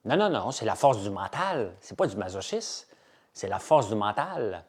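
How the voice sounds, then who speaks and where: A middle-aged man with a strong Québécois French accent talks casually to his live-stream viewers. He sounds chatty and keen, like an upbeat salesman. His voice sits a little on the low side. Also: normal speed, slightly rough. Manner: chatty, enthusiastic salesman, lively and animated. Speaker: entrepreneur hosting a live chat.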